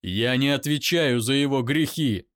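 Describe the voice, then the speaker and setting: A man playing an angry young man who shouts back in his own defense. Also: mid-range voice, a little slow, no room sound, clean studio sound, natural voice.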